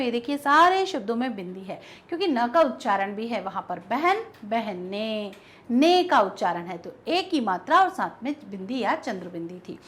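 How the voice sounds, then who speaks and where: A young woman teacher explaining grammar to school students, reading word pairs aloud with clear stress. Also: high voice.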